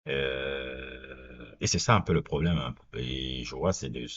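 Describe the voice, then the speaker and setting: A man's voice: a bass voice, takes it slowly, fairly bright tone, husky. A man hosting a reaction video, giving rambling, opinionated commentary straight to his viewers. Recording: dull lo-fi recording.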